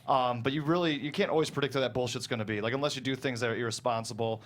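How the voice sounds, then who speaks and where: A guest screenwriter talks casually about his own writing, rambling and hesitant, often chuckling mid-sentence. His mid-range voice is a bit bright and races along.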